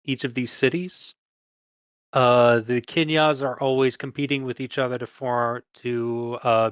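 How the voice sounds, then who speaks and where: A man's voice: mid-range voice, fairly bright tone, clean tone, dry recording. A man acting as game master, explaining a homebrew tabletop setting in a casual, hesitant way with profane asides. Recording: dull lo-fi mic, dry.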